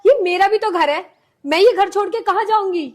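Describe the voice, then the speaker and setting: An actress playing a patient, pleading young daughter-in-law in a village film drama. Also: female voice, sits high, moderate pace, lightly acted. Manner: pleading, long-suffering.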